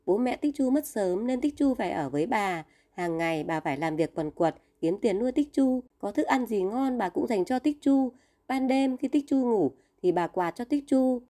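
A woman narrating a children's story, measured and clear, speaking directly to her listeners. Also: on the high side, animated, dark tone.

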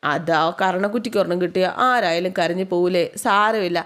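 A woman voicing a gentle, hurt young man who pleads softly with his sister. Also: lowish voice, a little fast, smooth, close to an everyday voice. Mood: pleading.

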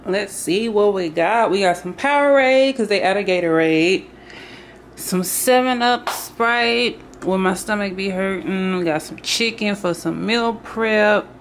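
A young woman vlogging casually in her kitchen, sounding tired and talking low and soft as she goes through her groceries. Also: a little slow, a little hiss or hum. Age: young adult. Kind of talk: casual vlog narration. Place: home kitchen indoors. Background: background music.

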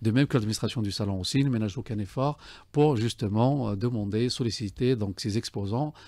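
A man's voice: on the low side, fairly quick, warm tone, dry recording. Hesitant man in a radio interview. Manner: many hesitations with "euh" and "donc", formal and enthusiastic. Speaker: guest, book fair commissioner. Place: radio studio. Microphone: studio desk mic.

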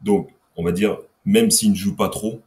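A man's voice: low-pitched, steady tone, a little slow, darkish tone. A man co-hosting a casual chat show, thinking aloud and explaining his point with examples. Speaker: co-host.

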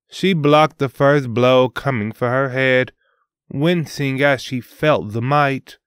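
A man hosting and narrating a scripted adventure story in a measured, deliberate reading. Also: mid-range voice, clean tone, no echo, studio quality. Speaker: host and storyteller.

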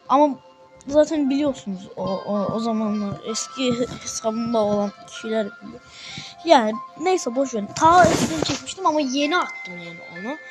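A young woman with a Turkish accent narrates her gameplay in a loose, chatty way. Her voice sits high, and she keeps breaking into excitable outbursts. Faint game music plays underneath. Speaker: gaming video host. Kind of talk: casual game commentary.

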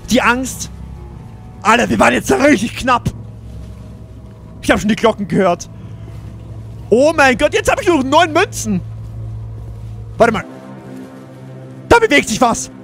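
A man with a hoarse voice giving let's play commentary to viewers, excitable, yelping and shouting when chased. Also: very high-pitched, unhurried, long pauses, soft background music. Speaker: gaming video creator.

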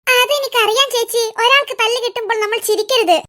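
Lady voicing a cheeky little cartoon kid, giggles while teasing, squeaky bright. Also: fairly even intonation, quick pace. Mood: giggly teasing. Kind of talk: cartoon voice acting.

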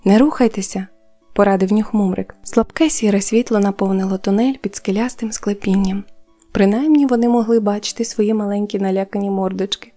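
Mellow-voiced woman narrating a fairy tale. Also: medium pitch, fairly quick. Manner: even, storytelling. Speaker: audiobook narrator. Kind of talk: scripted narration of a children's tale. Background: faint music.

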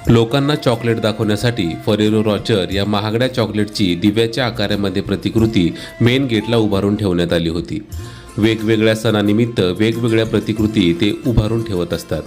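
Brief: low-voiced man, dry deadpan humor, travel vlog narration over soft music. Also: fairly quick. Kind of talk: scripted comic voice-over narration.

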